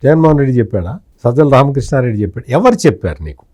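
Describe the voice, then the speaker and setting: A man's voice: mid-range voice, big pitch swings, rapid-fire, mellow. A middle-aged man, a senior journalist, giving political commentary with fiery rhetorical questions.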